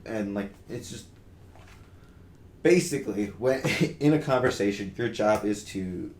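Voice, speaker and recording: A young man's lowish, slightly mellow voice comes through unhurried as he co-hosts a podcast. He talks earnestly and casually, with frequent fillers and restarts. The recording has a roomy feel and faint noise.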